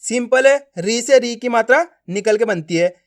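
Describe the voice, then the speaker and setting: A man teaching beginners to read, speaking with friendly classroom prompts and slow, drawn-out syllables. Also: extremely high pitch. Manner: slow drilled pronunciation, repeated prompts to learners. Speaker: Hindi reading teacher. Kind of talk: classroom-style lesson.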